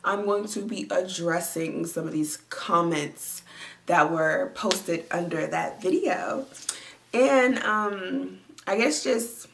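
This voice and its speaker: This young vlogger sounds stuffy and talks slowly, her slightly low, fairly bright voice showing vocal fry as she lies at home answering viewer comments in a rambling, filler-filled way. The mic or camera seems close, and there's a faint hiss or hum.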